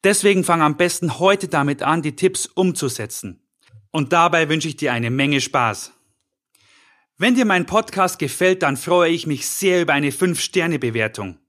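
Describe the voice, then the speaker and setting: Calm, fairly high-voiced male coach. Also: moderate pace. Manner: calm, coaching, speaks directly to the listener. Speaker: podcast host and personality coach. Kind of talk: scripted self-help podcast monologue.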